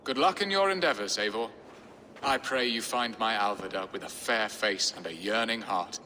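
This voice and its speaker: A man's lowish, pushed and bright voice plays a wry middle-aged English nobleman in a video game, a weary husband speaking at normal speed in a theatrical, sardonic, flowery style. The mood is wistful and wry. Long hall reverb, background music and slight noise surround it.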